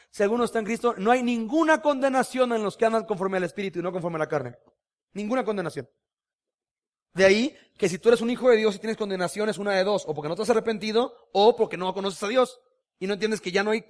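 A man's voice: high-pitched, fast talker. A man with a Mexican Spanish accent preaching a sermon, impassioned and conversational, full of rhetorical questions. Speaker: pastor.

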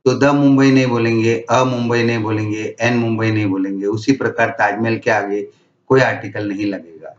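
A man teaching English grammar, reading each rule slowly and then explaining it in Hindi. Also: fairly low pitch, level tone, distant mic. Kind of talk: slow, deliberate grammar lesson. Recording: echoey room, dull lo-fi sound.

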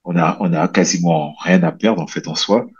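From a small room inside his home, a man in his thirties from French Guiana speaks on a video call through a headset as the guest, a bodybuilder and coach. The chat is a casual interview; his low, slightly husky voice runs at normal speed, relaxed and meandering with many fillers and restarts. Call audio is a bit dull.

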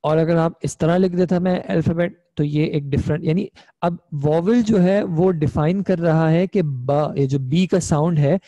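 A man's voice: a little high, a little slow, mellow, dry recording, lo-fi sound. A young man teaching an online Arabic grammar class, explaining patiently step by step and checking in with his students. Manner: patient, explains step by step, often asks "ठीक है?".

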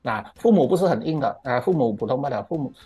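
A man's voice: medium pitch, expressive, fast, warm tone, slightly rough, faint music behind. A middle-aged man with a Malaysian Mandarin accent gives an emphatic, ranting commentary on current affairs, stretching out "ah" particles and mixing in English words. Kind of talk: opinionated monologue commentary.

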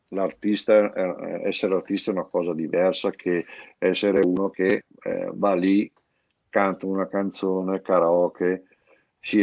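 Middle-aged Brescian-accented man, very low voice, rambling guest, dry close sound. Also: no echo. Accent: Brescian Italian. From Brescia area, northern Italy. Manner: rambling, many restarts and repeated words. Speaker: guest, founder of an artists' collective. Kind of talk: casual interview chat.

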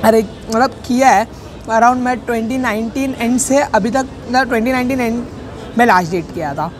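A man's voice: extremely high pitch, normal speed, crowd noise. A young man vlogging casually from a public cafe, rambling, joking and correcting himself as he goes, talking into a handheld camera. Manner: rambling, jokey, self-correcting. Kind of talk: casual vlog talk.

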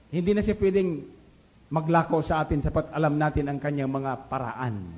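A man preaching a radio sermon in an animated, rhetorical way, mixing English phrases into his talk and often asking his listeners if they agree. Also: a little high, a little hiss or hum. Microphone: studio microphone.

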